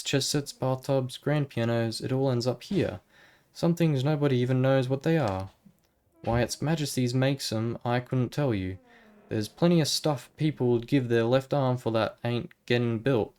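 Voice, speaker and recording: A man reading aloud as a rough, slangy-talking worker in a video game, in a middle-pitched voice. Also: normal speed, darkish tone, lightly acted. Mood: resigned, matter-of-fact.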